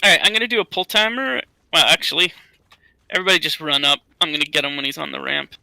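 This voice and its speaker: A man leading a raid in casual game voice chat, issuing quick commands. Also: on the high side, vocal fry, pushed and bright, no echo.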